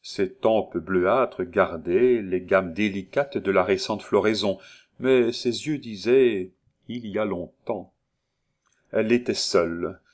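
A man narrating a classic novel as an audiobook in a measured, deliberate reading. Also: fairly low pitch.

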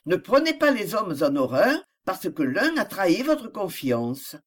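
The reader voicing a reserved grown man who hides deep passion, speaking in a measured, grave way. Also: sing-song. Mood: restrained. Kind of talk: audiobook character reading.

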